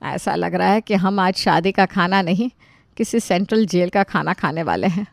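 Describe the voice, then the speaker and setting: A woman's voice: fairly low pitch, normal speed, gravelly, dry recording. A woman voicing a sarcastic young woman of the family in a cartoon. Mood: wry. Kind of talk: cartoon voice acting.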